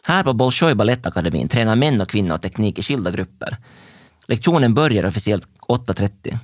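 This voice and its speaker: Young male narrator, intense and introspective, dry close sound, animated delivery. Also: fairly low pitch, no room sound. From Finland. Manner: intense, introspective present-tense telling. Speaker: dancer telling his own story. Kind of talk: scripted first-person narration.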